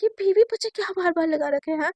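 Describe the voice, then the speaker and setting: A woman's voice: extremely high pitch, fast, warm tone, no room sound. A woman voicing a sulky young woman who curtly refuses to talk with her girlfriend. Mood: huffy. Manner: curt, huffy, stubborn.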